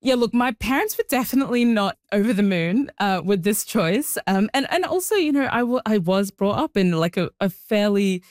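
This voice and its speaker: A young woman, telling her story as an interview guest, animated and full of fillers. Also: mid-range voice, moderate pace, hardly any pauses, no room sound, studio quality. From Sudan. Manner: animated, with frequent "like" and "you know" fillers. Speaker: guest, engineer and writer. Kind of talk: interview conversation.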